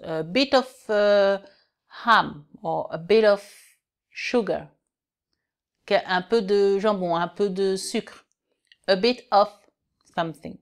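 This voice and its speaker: Woman teacher, very slow and careful delivery, patient repetition of words for learners. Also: medium pitch. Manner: patient, repeats words slowly and clearly for learners. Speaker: English teacher. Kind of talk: online language lesson.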